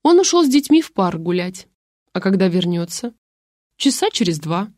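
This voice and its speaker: A woman reading an audiobook voices a greedy young wife who squeals with excitement. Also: lowish voice, moderate pace, no echo, studio quality. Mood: chirpy. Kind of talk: audiobook character voice.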